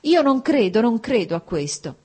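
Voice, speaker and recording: A woman's voice: mid-range voice, very animated, moderate pace, warm tone, breathy edge, pitched above the performer's own voice. A woman voicing a desperate pleading wife. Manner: pleading, urgent, emphatic. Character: distressed loyal married woman, pleading. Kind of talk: audiobook character reading.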